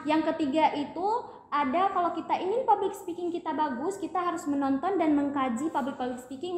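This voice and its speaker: A young woman from Aceh, a student guest chatting casually on a podcast, explaining with lots of fillers. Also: high voice. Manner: chatty, explains with many fillers, addresses listeners as guys. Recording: echoey room with faint noise.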